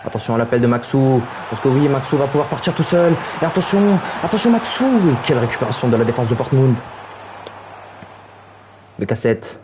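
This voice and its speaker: A young man streaming his football video game, giving play-by-play commentary in a low calm voice that rises to high shouted calls on goals. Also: a little fast, pauses often, noisy background.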